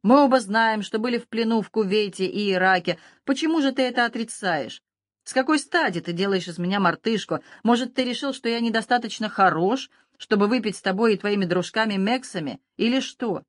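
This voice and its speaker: Woman voicing a hoarse, bellowing drunk man. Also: mid-range voice, fairly quick, no room sound, clean studio sound, close to an everyday voice. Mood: drunk angry. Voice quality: hoarse, shouting. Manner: belligerent, slurred bellowing. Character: big drunk loud man, hoarse from smoking. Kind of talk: audiobook character voice.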